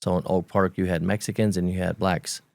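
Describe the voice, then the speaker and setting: Recorded close and dry, a Romanian-accented podcast guest in his forties candidly recounts his past in a very deep, gravelly voice. His delivery stays flat and even, yet he stops, restarts and repeats words as he remembers, with occasional light laughter.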